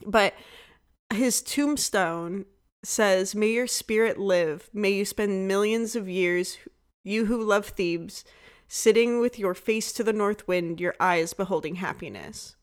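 A woman's voice: mid-range voice, slow, clean tone. A young woman co-hosting a podcast in casual chat, with a slight lisp, rambling with many fillers. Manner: rambling, lots of "like" fillers, self-described lisp. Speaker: podcast co-host.

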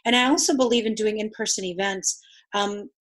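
A woman whose first language is Spanish, hosting a conversation as a business coach and telling lively stories. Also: mid-range voice, brisk. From New York City. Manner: animated storyteller, acts out quoted voices. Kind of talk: conversational interview.

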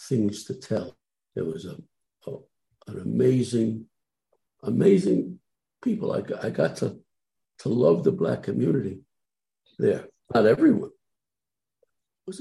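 An older man recalling his own experiences in a halting way, often restarting and repeating words. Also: on the low side, gravelly, dark tone, rough recording. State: tearful at times. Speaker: guest recounting civil rights work. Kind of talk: personal recollection.

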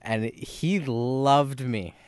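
A man co-hosting a casual podcast chat, telling a story in a halting, rambling way full of restarts, speaking into a podcast microphone. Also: mid-range voice, darkish tone, clear, resonant tone, no room sound. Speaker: podcast co-host.

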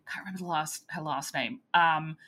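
A woman co-hosting a casual podcast chat, agreeable and quick to laugh. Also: low-pitched. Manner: lively, agreeable, laughs often. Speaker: podcast co-host.

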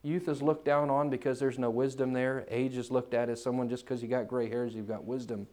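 A man preaching a sermon in a church, swinging from loud, climbing emphasis to quiet, low asides. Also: level tone, a little fast.

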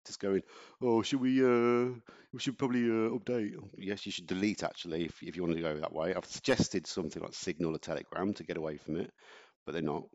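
A man's voice: deep voice, darkish tone, muffled recording. A man co-hosting a casual chat podcast, talking in a chatty, ranting way and laughing often. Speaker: podcast co-host.

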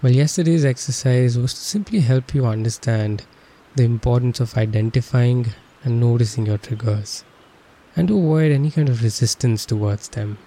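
A man leading a guided meditation as an instructor, speaking in a calm, soothing and unhurried manner. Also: medium pitch.

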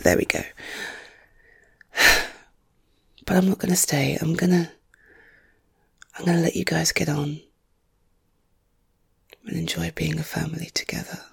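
A woman talks in soft, hushed whispers, calm and reassuring. Her voice is very breathy with a gravelly edge and sits slightly low. She speaks slowly, drawing out each phrase. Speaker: ASMR creator. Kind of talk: ASMR roleplay as a visiting friend.

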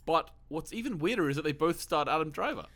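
A man's voice: fairly high pitch, lively intonation, fast talker, a bit bright. A man co-hosting a podcast, chatting casually about movies, eager and repetitive, laughing often. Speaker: podcast co-host.

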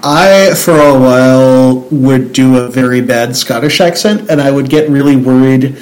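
A man's voice: medium pitch, measured pace, a little mellow, low-quality recording. A young man from Central New Jersey in a casual chat, talking in a rambling way with many restarts. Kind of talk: casual conversation.

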